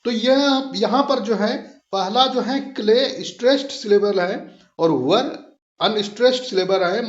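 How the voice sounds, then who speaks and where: Teacher, male, high voice, unhurried, patient explainer; echoey lo-fi room recording. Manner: patient, repeats points and checks understanding. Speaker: English literature teacher. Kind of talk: explanatory lesson mixing Hindi and English. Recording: echoey room, dull lo-fi sound.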